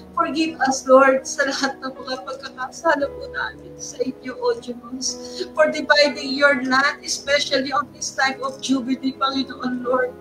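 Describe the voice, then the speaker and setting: High-voiced Filipino woman leading fervent prayer. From Philippines. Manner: repeats "Lord God" between phrases, mixes two languages. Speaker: prayer leader. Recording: distant mic with music underneath.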